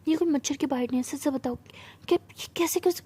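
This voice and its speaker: A woman voicing a high-voiced young college woman in a spoken story, coaxing and then frantic, her mellow tone climbing into pleading shouts and sobs. The delivery stays close to the storyteller's own voice, with an emotional, clingy edge. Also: fast talker, slight background noise, natural voice. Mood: accusing, shouting. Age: young adult.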